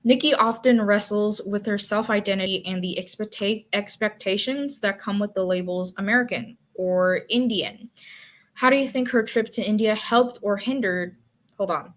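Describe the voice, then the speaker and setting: A woman's voice: medium pitch, moderate pace, fairly bright tone. Casting: young woman, book club host, casual and rambling, mid-range voice. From Singapore. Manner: thinking aloud with many fillers and restarts.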